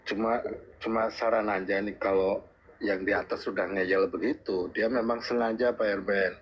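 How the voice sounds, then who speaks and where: Husky guy on a dull lo-fi call, earnest and repeating his advice. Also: on the low side, steady tone, moderate pace. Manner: earnest, repetitive, advising. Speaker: caller in a live stream. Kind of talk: casual advice. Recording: husky muffled lo-fi call audio.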